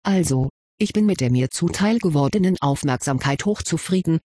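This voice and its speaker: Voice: medium pitch, animated, normal speed, warm tone, dry recording, close to an everyday voice. A reader voicing a dry-witted schoolboy wizard. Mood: reasoning, dry. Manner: level-headed, lightly ironic lecturing. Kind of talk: audiobook reading of fan fiction.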